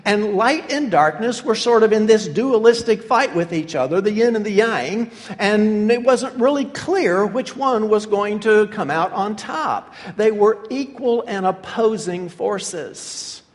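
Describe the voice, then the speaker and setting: A man's voice: sits high, lively intonation, measured pace, big-room sound. A man preaching a sermon, emphatic and teaching in tone, with some hesitant fillers.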